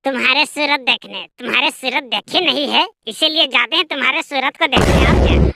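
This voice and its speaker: Bickering cartoon men. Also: female voice, high-pitched, a little fast, vocal fry. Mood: quarrelsome. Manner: bickering, scolding, coarse. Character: squabbling small-town men arguing over a debt. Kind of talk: cartoon voice acting. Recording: loud background noise.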